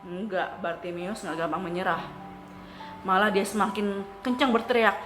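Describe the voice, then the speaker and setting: A woman teaching children at church, telling a story in an animated way and asking the kids questions. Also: medium pitch, moderate pace. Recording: echoey room with faint music.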